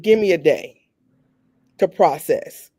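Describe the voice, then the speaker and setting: A man's voice: on the high side, lively intonation, warm tone, no room sound. A man co-hosting a talk show, asking questions and responding with short acknowledgments. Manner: asks questions, fills in with quick acknowledgments. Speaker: podcast co-host.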